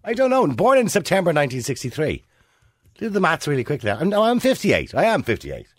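A man's voice: on the high side, huge pitch swings, brisk, dry recording, studio quality. A man in his fifties with an Irish accent, hosting a talk radio show and putting questions to listeners in a chatty, opinionated way. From Ireland. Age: 50s.

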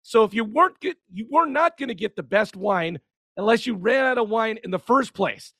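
A man's voice: sits high, expressive, moderate pace, gravelly, sharp tone, no room sound, studio quality. A man hosting a podcast, introducing segments in a wry, casual tone and tossing questions to his co-host. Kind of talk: casual commentary on sermons.

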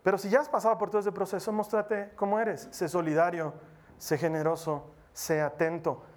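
A man's voice: on the high side, steady tone, fairly quick. A male preacher exhorting his congregation, illustrating his sermon with personal stories. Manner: exhorting, storytelling with mimicry.

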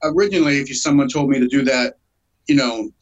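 A solo acoustic musician in his forties talks fast in a medium-pitched voice on a lo-fi recording. The laid-back interview is full of fillers and laughter, and he sounds a little congested from a cold.

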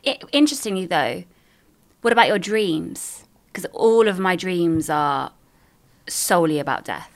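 A woman's voice: lowish voice, lively intonation, measured pace. A British woman in frank, intimate conversation, speaking casually and swearing freely. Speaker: novelist.

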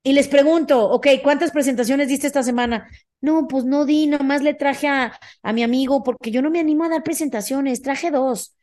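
A woman's voice: sits high, normal speed. A middle-aged woman with a Mexican accent hosting a motivational podcast, talking emphatically and often checking in with listeners. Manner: energetic, emphatic, often asks "ok?". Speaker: podcast host.

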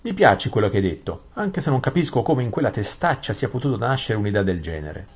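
A man's voice: lowish voice, sing-song, fairly quick, slightly rough, pitched above the performer's own voice, heavily acted. A man reading an audiobook voices a proud, hot-headed young prince who speaks brusquely.

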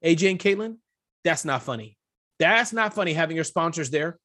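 Husky, animated male podcast guest. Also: on the high side, a little fast. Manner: animated, self-deprecating, lots of restarts. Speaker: guest entrepreneur. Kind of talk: casual podcast interview.

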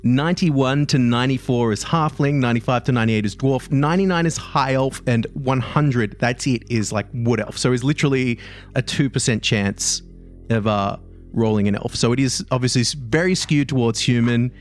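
A man's voice: medium pitch, normal speed. A man as game master, explaining rules in casual, filler-heavy chat.

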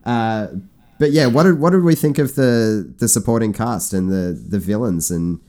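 A man's voice: fairly low pitch, moderate pace, darkish tone. A man co-hosting a casual podcast chat, enthusiastic and rambling with restarts. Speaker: podcast co-host.

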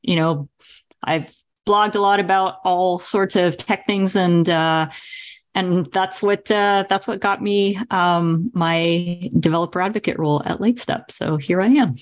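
A woman's voice: on the low side, a little slow. A woman from Brazil, a guest on a panel chat, introducing herself in a friendly way with light laughs. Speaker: guest, developer advocate.

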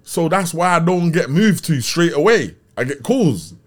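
Fairly high-pitched with lively intonation, this man talks a little slowly. Originally from Brixton, south London, he chats as an interview guest in a South London accent, telling stories loosely, dropping street slang and frequently asking if he's understood.

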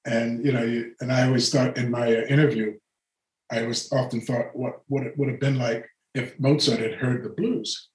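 A man's voice: mid-range voice, fairly even intonation, normal speed. Older man telling stories in an echoey room. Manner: rambling anecdotes with frequent laughter and restarts. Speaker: guest, retired orchestral horn player. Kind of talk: relaxed storytelling conversation.

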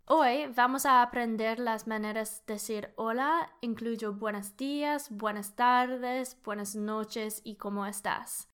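A woman's voice: a little high, steady tone, slow pace, few pauses, fairly bright tone, clean tone. A woman who speaks Spanish as a second language, with an English accent, hosting a language lesson and modelling phrases for listeners to repeat. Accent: English-speaking learner of Spanish. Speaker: language teacher, podcast host.

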